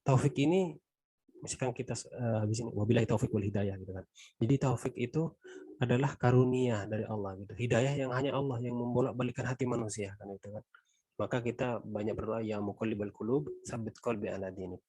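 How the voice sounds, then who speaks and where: A middle-aged man with an Indonesian accent gives a conversational Quran exegesis lesson. His voice is mellow and a little husky, recorded dry and close. He keeps tagging his points and lets line endings fall away quietly. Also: medium pitch, a little fast, no room sound. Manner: conversational, frequent "gitu kan" tags, trailing softly. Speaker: religious teacher.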